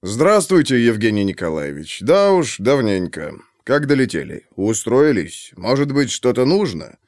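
A man's voice: medium pitch, big pitch swings, measured pace, a little mellow, no room sound, clean studio sound. A man voicing a terse, firm male security-service major in an audiobook.

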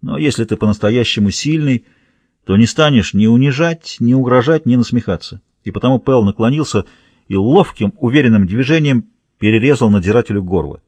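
A man narrating a thriller audiobook in a steady, measured reading. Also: mid-range voice, slightly rough, dry recording.

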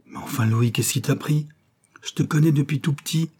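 A man's voice: fairly high pitch, normal speed, dark tone, slightly rough, voice pushed up. A man reading an audiobook and voicing a blunt, indignant old friend who scolds hotly. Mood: worried. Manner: scolding, heated and accusing.

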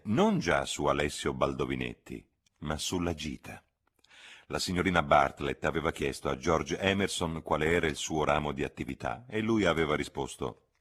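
A man from Italy narrates a classic novel as an audiobook reader. His voice is deep and husky, and his delivery measured and expressive. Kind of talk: literary narration.

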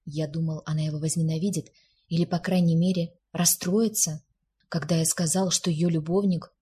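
A flustered young man who sulks and grumbles in his own defence, as a woman reads him. The voice is low and very breathy, a storybook reading of a sheepish gentleman. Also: fairly even intonation, moderate pace. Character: flustered young man, sulky, self-mocking.

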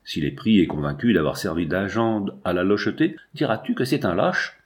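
A man's voice: low-pitched, animated, normal speed. A man reading the lines of an earnest fifteen-year-old girl who pleads and argues in grief, in a storybook reading. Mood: insistent.

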